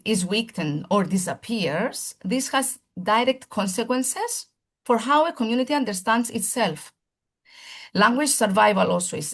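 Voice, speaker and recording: A primary school teacher with a medium-pitched, gravelly voice gives a seminar presentation. She uses formal lecture phrasing and speaks earnestly, often restarting as she searches for words.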